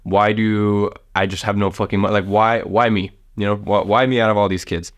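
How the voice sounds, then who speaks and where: This late-teen vlogger from the south of Russia speaks at a moderate pace in a fairly low voice that barely moves in pitch. Talking to camera, he hands out laid-back life and motivational advice, wandering off track, cursing a lot and packing his speech with filler words.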